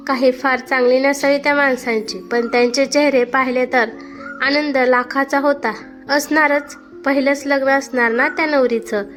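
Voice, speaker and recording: A woman with a high voice narrates a family story and speaks the characters' lines herself. Soft music plays faintly underneath her.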